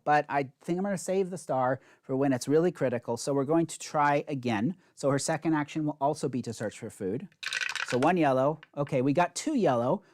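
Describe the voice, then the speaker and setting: A man's voice: on the high side, a little mellow, slight background noise. Man talking through a board game. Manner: explains rules step by step while playing; chatty, self-mocking asides. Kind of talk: solo board game playthrough.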